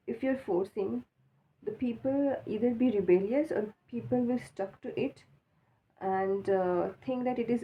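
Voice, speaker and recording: A woman with an Indian accent giving a casual, halting, unscripted opinion monologue, repeating herself for emphasis, just awake with a swollen mouth. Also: mid-range voice. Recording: tinny phone-like sound with faint noise.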